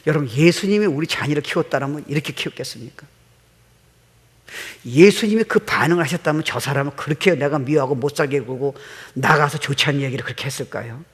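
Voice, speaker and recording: A middle-aged pastor preaches a sermon in a church sanctuary, telling stories animatedly and slipping in English words. His voice is fairly high with a breathy edge, he talks fast, and a long hall reverb surrounds him.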